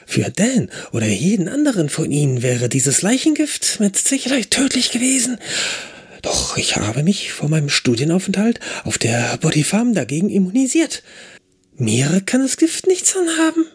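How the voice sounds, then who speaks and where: In a spoken story, a boastful male crime writer talks with a breathy, airy voice that leaps up and down in pitch, as a male narrator puts him on. He sounds pleased with himself and sure that nothing can harm him. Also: huge pitch swings, normal speed, heavily acted. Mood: smug. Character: smug male crime writer, immune to poison.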